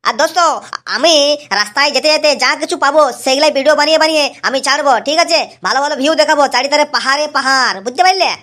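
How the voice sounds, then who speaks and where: Speaking fast in a high-pitched voice, this animated young rascal addresses his audience directly. His mock-vlog comedy is chatty and eager, full of repeated lines.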